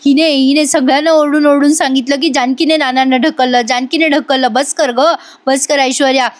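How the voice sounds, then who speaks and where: A woman's voice: high voice, fairly even intonation, a little fast, lightly acted. A woman voicing an earnest, wronged young daughter-in-law, in a plain retelling. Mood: accusing. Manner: pleading then soothing.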